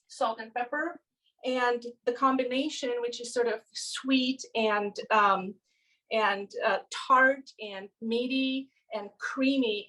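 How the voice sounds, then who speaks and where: A middle-aged woman from the Czech Republic giving a cooking demonstration in her home kitchen on a phone camera, explaining in a relaxed way while she works. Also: fairly high pitch, poor audio. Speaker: cooking instructor.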